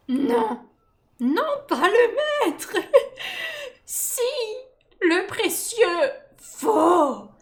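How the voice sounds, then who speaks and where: A woman's voice: high-pitched, pushed and bright, heavily acted. A woman imitating a wretched, obsessive creature that argues with itself, hissing and pleading. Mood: frantic.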